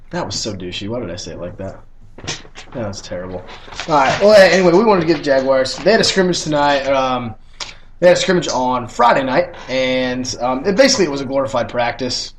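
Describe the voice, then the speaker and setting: A man's voice: medium pitch, animated, fairly quick, a little hiss or hum. A young man hosting a casual sports podcast, blunt and teasing, swearing freely as he talks. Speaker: podcast host.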